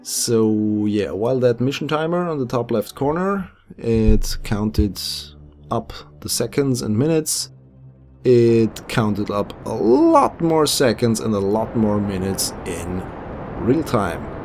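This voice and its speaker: A young German-accented man provides casual commentary over footage of his space game, chatty and self-deprecating. His mid-range voice is expressive and darkish, and he speaks slowly. Faint background music plays beneath the voice-over.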